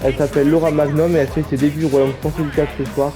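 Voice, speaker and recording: A man's voice: a little high, flat delivery, very fast, music in the background. A man commentating a wrestling game casually, rambling and joking with many fillers.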